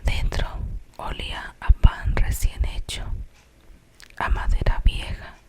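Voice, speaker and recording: Hushed, slow Colombian whisper, suspenseful ASMR storytelling.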